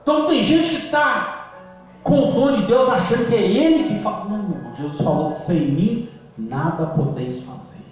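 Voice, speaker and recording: A male pastor preaching a sermon, calling out to the congregation and swinging between loud emphasis and quiet low lines. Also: big pitch swings, brisk, faint music behind. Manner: preaching with call-and-response, emphatic swings in pitch and volume. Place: church hall. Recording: distant echoey church hall recording, dull.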